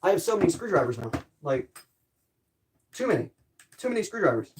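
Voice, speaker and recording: Male streamer, slightly high voice, rambling wry commentary while working with tools. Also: sing-song, brisk, background noise. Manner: rambling, jokey self-deprecating running commentary. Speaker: livestreamer. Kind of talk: casual livestream chat while tinkering.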